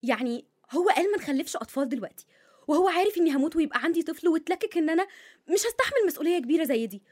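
A woman's voice: very high-pitched, animated, racing, darkish tone. A woman in her twenties with an Egyptian accent playing a dramatic, complaining young wife. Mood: exasperated. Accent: Egyptian Arabic. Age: 20s.

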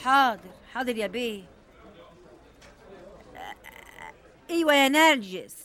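Radio drama role: anxious rural Egyptian villager, high voice, deferential, pleading, prone to lament. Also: female voice, expressive, fast, pushed and bright. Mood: meek. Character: anxious, deferential village woman reporting to police.

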